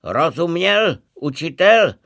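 A gruff soldier who barks every order, bossy and stern, voiced by a man reading a story. The sound is dry and close. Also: a little high, very animated, a bit bright, dry recording, pitched above the performer's own voice, full character voice. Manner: barking orders.

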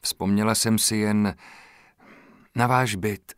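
A quiet, thoughtful young woman, still shaken and speaking softly, voiced by a man reading an audiobook. Her voice sits in a lower register than you'd expect. The recording is dry and close, with no room sound. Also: steady tone, clean tone, dry recording, close to an everyday voice. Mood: quiet, subdued.

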